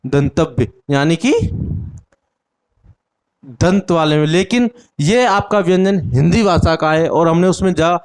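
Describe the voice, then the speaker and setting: Guy teaching hindi for exams, high clear voice, keeps asking then answering himself. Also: measured pace, long pauses. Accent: Indian Hindi. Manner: asks the class questions and answers them himself, repeats key words. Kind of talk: exam-prep lesson.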